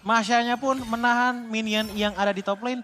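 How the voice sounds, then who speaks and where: A man's voice: extremely high pitch, steady tone, moderate pace, sharp tone. A man giving live mobile game commentary and analysis in a conversational, explanatory way. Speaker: esports match co-commentator. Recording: clear background noise.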